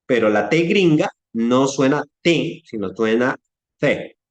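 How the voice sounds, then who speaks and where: In an echoey room, a man with a Latin American Spanish accent gives a relaxed church class, engaging listeners with questions and imitating speech sounds. He speaks at a measured pace in a mid-range voice with lively intonation.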